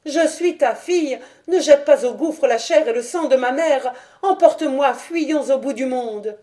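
A woman's voice: mid-range voice, measured pace, warm tone, close to an everyday voice. A woman voicing a passionate, vengeful young princess who pleads and cries out in a storybook reading. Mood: desperate. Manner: pleading, raised urgent delivery.

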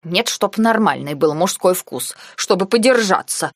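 A woman reading the part of a proud, buxom maid with rustic, drawn-out speech. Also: on the low side, animated, no echo, clean studio sound.

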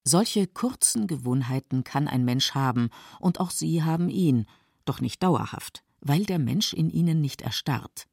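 A woman's voice: deep voice, animated, measured pace, gravelly, a little mellow, slightly rough, no room sound, clean studio sound. A woman giving composed, scripted narration for a radio feature.

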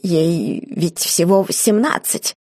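A woman reading an audiobook, voicing a weary, bewildered young baron who speaks slowly and quietly. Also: medium pitch, lively intonation, breathy edge, dry recording, studio quality. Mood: stunned. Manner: slow, stunned and quiet.

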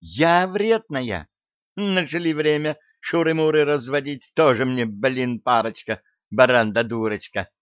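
A man voicing a slim, sharp-tongued, grumpy young woman who snaps and mocks. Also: medium pitch, steady tone, measured pace, hardly any pauses, clear, resonant tone, no echo, voice pushed up, lightly acted. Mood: indignant. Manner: snappish and mocking. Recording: dull, dry recording.

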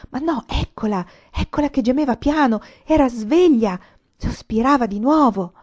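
A woman reading a novel aloud in steady, gentle narration. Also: medium pitch, breathy edge, dull audio. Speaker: audiobook reader.

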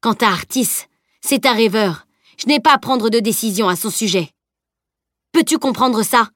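A woman's voice: fairly high pitch, moderate pace, a bit bright, no echo, clean studio sound, close to an everyday voice. A woman voicing a stern male general and arms master who speaks curtly and with command. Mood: stern, angry. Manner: curt and commanding.

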